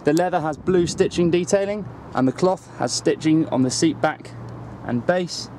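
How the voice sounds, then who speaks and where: Welsh guy selling a car outside, bit higher voice, faint outdoor hum behind. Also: moderate pace, a little mellow. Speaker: car salesman presenting a vehicle. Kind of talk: scripted walkaround presentation. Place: outdoor car dealership forecourt.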